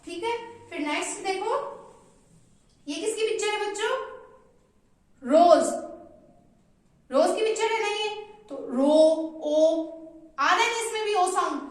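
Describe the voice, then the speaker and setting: A woman teaching a phonics lesson to small children online. She spells words out slowly in a coaxing, sing-song way and keeps asking questions. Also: very high voice, animated. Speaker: kindergarten teacher. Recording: very echoey room.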